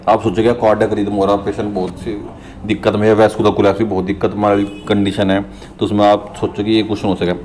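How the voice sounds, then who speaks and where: A man tutoring for nursing exams. He reads English questions slowly and explains them in Hindi, repeating terms and often checking in with his viewers as friends. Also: fairly low pitch, a little mellow, a little hiss or hum. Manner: addresses viewers as friends, frequent "theek hai" check-ins. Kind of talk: exam question walkthrough.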